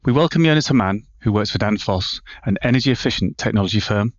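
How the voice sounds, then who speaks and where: A man's voice: fairly low pitch, animated, fast, dry recording, highs cut off. A man hosting a podcast, reading a polished scripted introduction and then putting questions to his guest. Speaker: podcast host.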